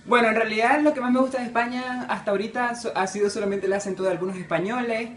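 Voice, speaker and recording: A young Venezuelan man of twenty-one answers in a rapid-fire stream of words. He sounds like he's in a roomy space with echo. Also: sits high, fairly even intonation, over music. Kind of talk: casual interview answers.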